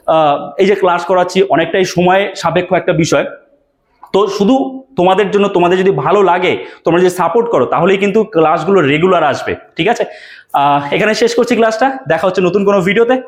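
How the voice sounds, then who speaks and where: A man teaching an English grammar lesson for exam prep, often repeating questions and checking that students follow. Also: sits high.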